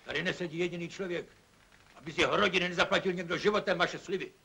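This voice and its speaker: A weary, gravelly-voiced German villager. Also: male voice, high-pitched, fairly even intonation, pushed and bright, exaggerated voice. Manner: grave, reasoning, resigned. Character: weary, sober-minded middle-aged German villager. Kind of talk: 1950s film acting.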